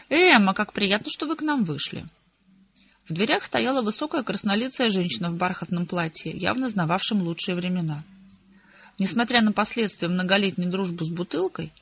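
An audiobook narrator reading a story in a wry, even storytelling manner. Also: mid-range voice, breathy edge, lo-fi sound.

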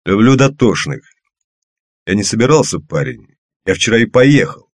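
A man voicing a gruff, suspicious retired older man who talks curtly and grumbles. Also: fairly low pitch, sing-song, moderate pace, no echo, studio quality, pitched above the performer's own voice. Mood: grumbling. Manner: curt, grumbling.

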